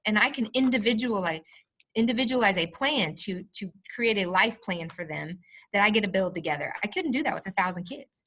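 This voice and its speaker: A woman's voice: medium pitch, sharp tone, breathy edge. A woman, a school administrator, speaking earnestly and passionately in a podcast interview. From Missouri, USA. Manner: earnest and passionate, stressing words. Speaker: alternative school administrator, guest.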